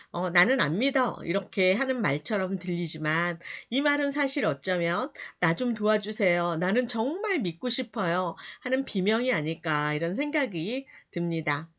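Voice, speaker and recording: A woman preaches a short morning devotional sermon in an earnest, personal tone. Her voice sits a little low for a woman. She keeps drawing her listeners in with rhetorical questions. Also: fairly bright tone. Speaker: pastor.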